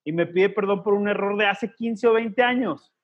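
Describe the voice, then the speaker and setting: A man's voice: high-pitched, moderate pace, highs cut off. A man, co-hosting a faith podcast and telling personal stories earnestly with slangy asides. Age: 30s. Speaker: podcast co-host. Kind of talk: casual faith podcast conversation.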